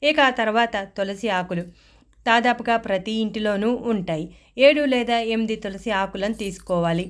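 A woman hosting a home-remedy recipe channel, giving a steady, instructive scripted voice-over. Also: mid-range voice, moderate pace.

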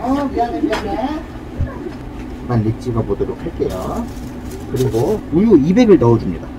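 A man with a fairly high and very lively voice walks through a cafe drink recipe, explaining each step politely. He stands at a cafe counter and talks to a camera set on the counter. Traffic noise comes through clearly behind him. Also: normal speed. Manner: friendly, explanatory, uses polite speech. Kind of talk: casual cooking demonstration.

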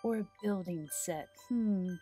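With a dark tone and a slow, medium-pitched voice, a middle-aged woman leads storytime for small children, reading aloud and talking to them in an exaggerated sing-song manner. Soft background music accompanies her on a small decorated indoor storytime set.

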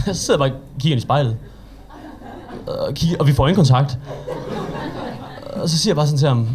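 A man's voice: fairly high pitch, a crowd in the background. A young man with a Danish accent performing a stand-up set at an open mic, telling stories in a chatty, self-mocking way and acting out the people in them. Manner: chatty, self-mocking storytelling with quoted voices. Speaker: stand-up comedian.

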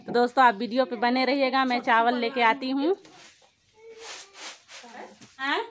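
Her voice is high-pitched, steady in tone, and a little slow. She's a vlogger in her thirties, cooking in a village courtyard and at home at night, holding her phone at arm's length to film herself while she chats away directly to the people watching.

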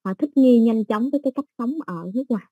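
A woman teaching an English exam-prep lesson, explaining slowly with everyday examples and many fillers. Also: on the high side, mellow, breathy edge, dry recording, low-quality recording.

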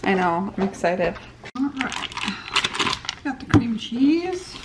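A woman in her thirties chatting casually to a handheld camera at home, relaxed and rambling with fillers. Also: a little high, slow, very noisy. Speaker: vlogger. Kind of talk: casual vlog chat. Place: home kitchen and living room. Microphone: handheld camera at arm's length.

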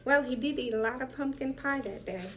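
A woman reading a children's picture book aloud in a lively, expressive way with playful emphasis. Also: sits high, a little fast, a little hiss or hum. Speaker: storyteller.

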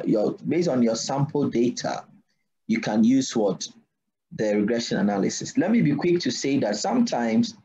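A man lecturing a class at a deliberate pace, often pausing to ask "what?" so students can fill in the word. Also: medium pitch, warm tone. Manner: asks students to finish his sentences with "what?"; slow deliberate delivery. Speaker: university lecturer. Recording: dull lo-fi recording.

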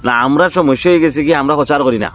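A man's voice: fairly high pitch, racing. A man with a Sylheti accent from Bangladesh, speaking in a casual, insistent monologue that keeps repeating its points. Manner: insistent, repetitive.

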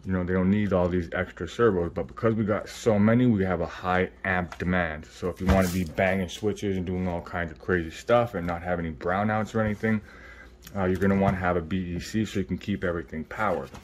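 A man's voice: deep voice, fairly even intonation, fairly quick, slight background noise. A man giving a casual, informal step-by-step how-to, his speech slightly muffled by a face swollen after surgery. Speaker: RC hobbyist host. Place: indoor hobby workbench.

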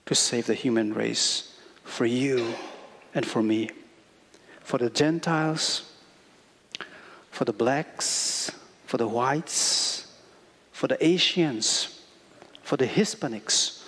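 A man in his thirties preaching a sermon in a church on a headset mic, earnest and slow, with many pauses and fillers and non-native English phrasing. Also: medium pitch, fairly bright tone. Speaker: guest preacher. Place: church sanctuary, indoors. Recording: reverberant church hall.

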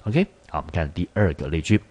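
Guy with a taiwanese mandarin accent going over english words, really low voice, keeps asking questions and saying "ah". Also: sing-song, fast, a little mellow, husky. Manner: explains step by step with many rhetorical questions and filler "ah". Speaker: English teacher. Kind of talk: recorded vocabulary lesson.

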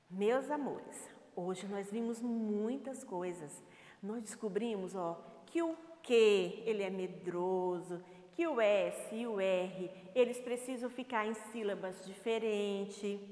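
Lively Brazilian teacher in an echoey room. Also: female voice, medium pitch. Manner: sing-song, affectionate teacher talk with playful stories about letters. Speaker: first-grade teacher. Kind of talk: recorded remote lesson for young children.

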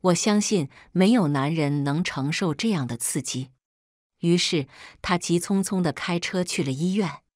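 Low-pitched woman telling a dramatic story. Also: normal speed, a little mellow, dry recording, clean studio sound. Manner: cold, taunting in quoted speech. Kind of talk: first-person dramatic story narration.

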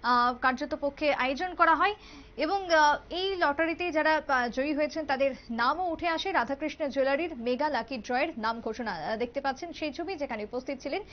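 A young woman presenting live television news, pausing now and then as she goes. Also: high voice. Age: young adult. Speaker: news anchor. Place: TV news studio. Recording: slightly dull, lo-fi broadcast audio.

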